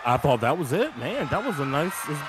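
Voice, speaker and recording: A man's voice: fairly high pitch, very animated, fairly quick, very noisy. A young man giving short colour reactions as a wrestling co-commentator on a game stream. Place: indoor room with posters. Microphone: boom mic, headset, video call. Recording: loud game music and crowd behind.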